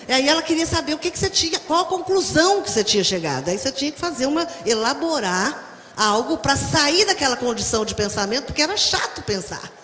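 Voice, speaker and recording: A woman's voice: sits high, a bit bright, a little hiss or hum. A middle-aged woman pastor with a Brazilian Portuguese accent, preaching a sermon with humorous stories and speaking directly to the congregation. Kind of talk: sermon with storytelling. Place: church hall. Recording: echoey hall, faint ambience.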